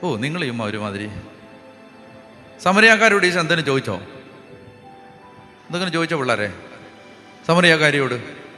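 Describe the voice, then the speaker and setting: A priest preaching a sermon, often questioning the congregation and moving between loud proclamation and quiet asides. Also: male voice, fairly high pitch, sing-song, normal speed, long pauses. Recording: long hall reverb with faint music behind.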